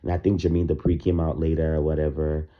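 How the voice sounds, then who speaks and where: A man's voice: very deep voice, flat delivery, fast. A man giving casual, opinionated commentary on music, talking loosely with plenty of fillers, in his morning voice. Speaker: music reaction vlogger. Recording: dull lo-fi recording.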